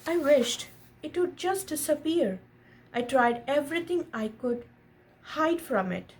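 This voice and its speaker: Reading a picture book aloud to a child and viewers, a high-voiced woman tells the story expressively and breaks off to explain and pose questions. The recording is rough, with noticeable background noise.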